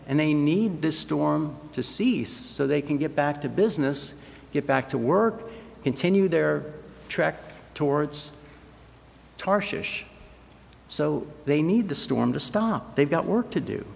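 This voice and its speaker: Raised-pitch preacher with gravelly voice, echoing hall. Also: male voice. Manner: earnest, rhetorical questions, acts out quoted voices. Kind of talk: sermon. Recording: long hall reverb.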